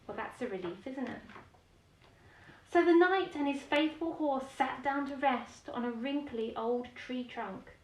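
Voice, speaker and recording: A children's picture book is read as a bedtime story by a woman whose high-pitched voice is a little mellow and a little slow. Her expressive reading mixes in chatty explanations and questions for young listeners, recorded with a distant microphone and roomy echo.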